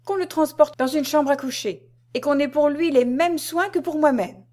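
A woman's voice: medium pitch, normal speed, close to an everyday voice. Woman voicing a commanding prince regent. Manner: brusque orders, raised voice.

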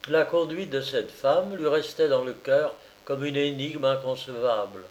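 A man narrating a novel in a measured storytelling manner. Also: medium pitch, darkish tone. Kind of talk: scripted audiobook narration.

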